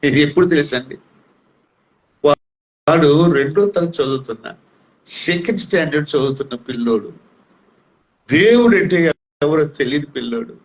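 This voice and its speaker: Earnest pastor, lo-fi testimony. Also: male voice, fairly high pitch, lively intonation, normal speed, pauses often. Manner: earnest, rising fervor, tearful. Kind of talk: emotional testimony. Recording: dull lo-fi sound.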